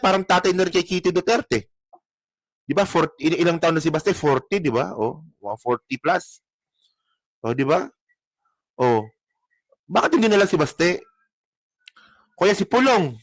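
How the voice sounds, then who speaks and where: A man's voice: high voice, lively intonation, a little slow, long pauses, dry recording. Sarcastic male commentator, dry sound. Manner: sarcastic and profane. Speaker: political commentator host. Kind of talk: casual commentary reacting to clips.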